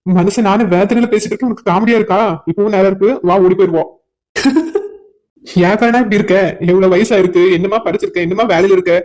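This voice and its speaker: A man with a south Tamil accent voices a cartoon drama in a joking, flustered way. He speaks at a brisk pace. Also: high voice, a little mellow. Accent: south Tamil Nadu dialect. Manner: joking and flustered, laughs between lines. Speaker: voice actor for a cartoon series.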